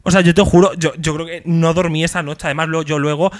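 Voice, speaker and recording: A young man, animatedly telling a story on a casual podcast chat. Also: fast talker. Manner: animated, acts out quotes with big jumps in pitch. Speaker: podcast co-host.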